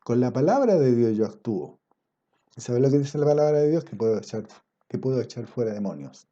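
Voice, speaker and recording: Dark-voiced preacher man, lively pitch. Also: dull audio. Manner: swings between loud emphatic passages and low quiet asides; quotes scripture in a slow, drawn-out cadence. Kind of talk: sermon.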